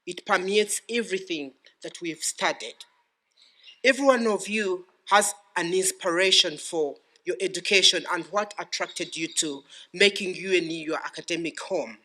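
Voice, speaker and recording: A middle-aged man with a Ugandan accent giving a formal, ceremonial podium speech with deliberate phrasing. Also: high voice, bright, forceful tone. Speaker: graduating PhD student giving vote of thanks.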